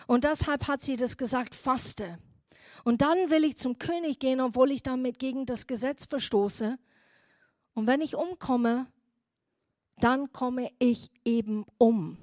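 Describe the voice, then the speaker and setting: Slow-speaking woman pastor preaching. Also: a little high, dry recording, studio quality. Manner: retells Bible stories in a lively, emphatic way. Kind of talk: sermon.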